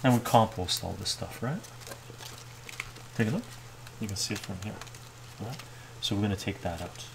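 A middle-aged man with a lowish, creaky voice hosts a cooking livestream from his home kitchen at a moderate pace, chatting casually while he cooks. He tends to end his sentences with "right?", and the background is noisy.

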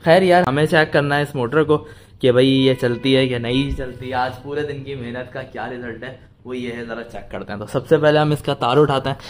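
A man's voice: mid-range voice, fairly even intonation, a little fast, slight background noise. A man in his thirties from Pakistan, chatting casually to viewers in a home vlog while working on a water pump. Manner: chatty, addresses viewers as brothers. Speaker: vlogger. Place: home rooms and utility corner, indoors. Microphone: phone camera at arm's length.

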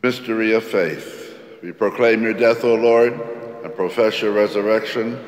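Low-voiced priest doing the mass prayers, slow and solemn, big cathedral echo all around. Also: male voice, steady tone. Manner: solemn measured recitation. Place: large church. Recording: long echoey church reverb.

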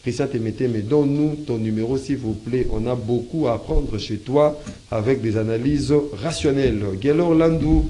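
Man reading listener messages, mellow voice. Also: medium pitch. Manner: halting reading with many fillers, mixing French and Lingala. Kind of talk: reading viewer comments aloud on a talk show.

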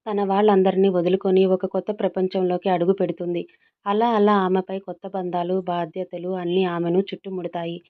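A woman's voice: on the low side, level tone, a little fast, lightly acted. Woman doing a soothing young woman friend. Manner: soothing and coaxing. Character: gentle, reassuring young woman in love. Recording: tinny phone-like audio.

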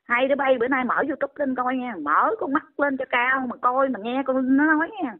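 Older woman, indignant, exclaiming, raised pitch, phone-line sound. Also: moderate pace. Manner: scolding, exclaiming often.

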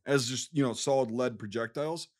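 Male podcast co-host, Wisconsin accent, mid-pitched voice, emphatic, sweary explainer in casual history chat. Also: brisk, a little mellow. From Wisconsin, USA. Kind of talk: casual war history discussion.

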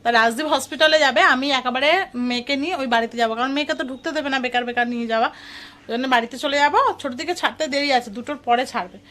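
A woman's voice: sits high, steady tone, very fast, fairly bright tone. A young woman with a Kolkata Bengali accent, narrating a casual family vlog and talking with her toddler in between. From India. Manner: chatty, talks to her toddler between asides to viewers. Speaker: vlogger and mother.

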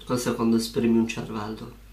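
A man in his twenties chatting casually and excitably as a video host in a small home room. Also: medium pitch, brisk, creaky. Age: 20s. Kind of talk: casual chat, reaction challenge. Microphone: desk webcam distance. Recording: roomy sound with music behind.

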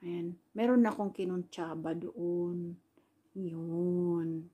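A Filipino woman, an overseas worker and caregiver vlogger, speaks slowly in a lowish, steady voice with a dark tone and breathy edge. She casually rambles through a personal story, full of fillers such as "ayan," quoting back what others said.

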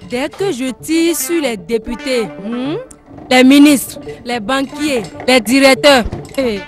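A woman's voice: sits high, takes it slowly, soft background music. An actress playing a young woman boasting she will exploit powerful men. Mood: boastful. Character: scheming young woman, bold and bitter.

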